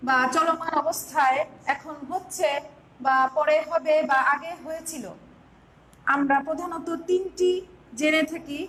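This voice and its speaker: A Bangladeshi woman teaching an online class, explaining step by step and slowly spelling words out. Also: sits high, a bit bright, a little hiss or hum, low-quality recording.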